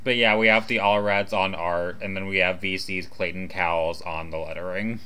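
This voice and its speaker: A man's voice: low-pitched, fairly even intonation, normal speed, pushed and bright, clean tone. A man co-hosting a casual podcast, talking informally and freely swearing, with half his mouth numb from the dentist. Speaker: podcast co-host.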